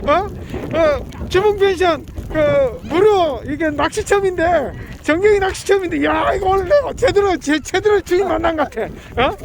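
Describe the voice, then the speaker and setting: Exclamatory man shouting over loud wind. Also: extremely high pitch, lively intonation, moderate pace, vocal fry, few pauses. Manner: exclamatory, repeats short encouragements and instructions. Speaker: fishing guide and pension host. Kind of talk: casual chat while coaching guests at fishing. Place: outdoors by the sea in rain and wind. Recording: loud wind and rain on microphone.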